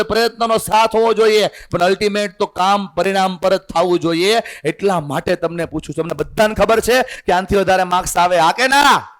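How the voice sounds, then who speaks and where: A man's voice: high voice, a bit bright. A man giving a motivational seminar talk to students, rousing them with call-and-response. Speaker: motivational speaker. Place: hall full of students.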